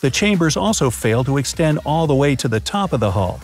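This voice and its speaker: With a slightly high, very animated and brisk voice, a man narrates a scripted explainer and occasionally slips in a playful joke. It's a studio voice-over sitting over faint background music.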